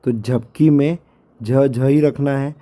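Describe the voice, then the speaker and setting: Hoarse male teacher for a recorded lecture, very dark mellow tone, slow and patient, drills each syllable. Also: mid-range voice, steady tone. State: hoarse, sore throat. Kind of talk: lecture over a screen recording.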